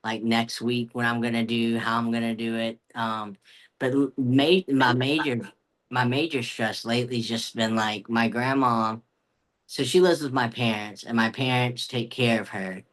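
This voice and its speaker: A woman co-hosting a podcast in casual conversation, talking in a relaxed way and giving brief listening replies. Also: extremely low pitch, moderate pace. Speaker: podcast co-host.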